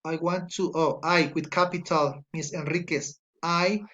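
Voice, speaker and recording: A muffled recording captures a man on the high side, his intonation fairly even and his tone bright and forceful. He's from Ecuador, a native Spanish speaker with an Ecuadorian accent, reading students' answers aloud in an online English class and slowly, patiently correcting the spelling and grammar.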